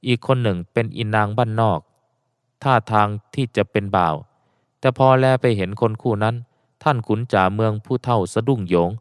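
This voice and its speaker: A man narrating an audiobook in a steady storytelling cadence, close to the mic. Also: on the low side, clean tone, no room sound.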